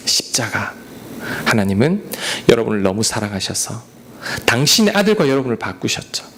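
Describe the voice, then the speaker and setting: A man preaching a sermon, his voice gravelly and full of lively pitch swings. He rises suddenly to loud, pressing lines and drops to soft, whispered asides. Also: a little hiss or hum. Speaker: pastor.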